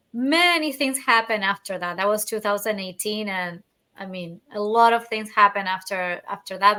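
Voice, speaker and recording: A bright, clear-toned woman talks as an interview guest. She speaks earnestly and often restarts mid-phrase. Her pitch sits in an ordinary middle range. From Argentina. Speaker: guest, online business owner. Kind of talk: casual interview.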